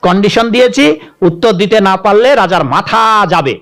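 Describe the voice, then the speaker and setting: A man voicing a boastful male forest demon in a spoken religious tale, shouting and bragging. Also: high-pitched, expressive, normal speed.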